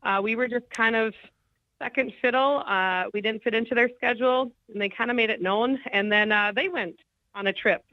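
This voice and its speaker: Heard over a phone line, this woman is a caller and former client on a radio phone-in, recounting her experience frankly and simply, hesitating at times. Her voice is a little high and her pace moderate, and the audio is lo-fi without any room sound.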